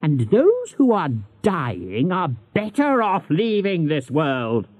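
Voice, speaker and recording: Brief: wheezy old miser for an audiobook, slow and swooping, dull lo-fi audio. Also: male voice, high voice, wildly swooping pitch, a little mellow, heavily acted. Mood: scornful. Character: miserly bitter old man, cold and scornful.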